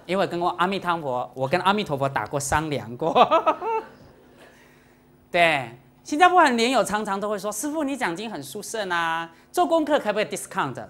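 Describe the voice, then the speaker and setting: A woman, a Buddhist nun, giving a dharma lecture to an audience in a lively, teasing way, dropping in English words now and then. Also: lowish voice.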